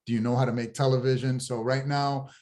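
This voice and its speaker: A man pitching his streaming app in a casual business chat over a video call, rambling with many restarts. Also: flat delivery, fairly quick, darkish tone. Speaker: guest, TV show founder.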